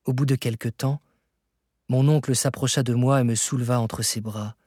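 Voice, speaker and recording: A man reading a classic novel aloud as scripted narration, measured and expressive. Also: mid-range voice, husky, dry recording, studio quality. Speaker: audiobook reader.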